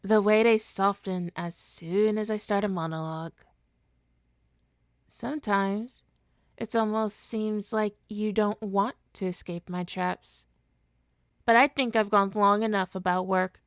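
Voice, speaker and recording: A lightly acted, medium-pitched woman's voice portrays a seductive, self-satisfied villain in an ASMR roleplay, deliberately and hypnotically teasing and coaxing her hero rival. The studio-quality recording has no echo.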